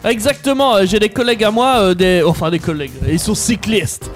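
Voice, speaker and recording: A man puts on a dim, sweaty sports coach from Marseille, all bluster and bragging. The voice sits high and bright over a light bed of music. It is broad improvised sketch comedy. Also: animated. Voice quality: boastful, blustering, quick to take offense.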